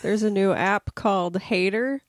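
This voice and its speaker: A woman's voice: mid-range voice, a little slow, no room sound. A woman co-hosting a podcast, chatting casually in a laid-back, giggly way. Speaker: podcast co-host. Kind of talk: casual chat.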